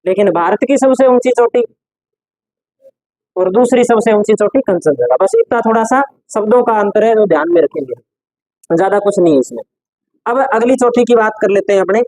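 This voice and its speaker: Male teacher dictating notes slowly. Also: high voice, animated, darkish tone, no echo, poor audio. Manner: repeats key phrases slowly for note-taking. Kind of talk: classroom lecture dictating notes.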